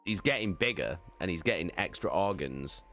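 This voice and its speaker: A streamer hosting a live book reading shifts between casual chat and dramatic narration of the book, swearing freely in an informal way. His voice sits low, animated and a bit bright, at a moderate pace, with soft music in the background.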